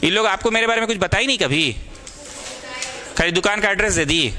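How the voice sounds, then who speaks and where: A man's voice: high-pitched, lively intonation, brisk, a crowd in the background. A young man teaching maths to a small class, mixing in English and scolding students in a caring way. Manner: scolding yet caring, mixes Hindi and English. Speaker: maths tutor.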